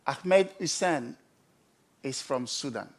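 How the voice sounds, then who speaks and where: A man delivering a prepared storytelling talk in measured, emphatic short phrases with pauses. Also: mid-range voice, animated. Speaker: conference speaker.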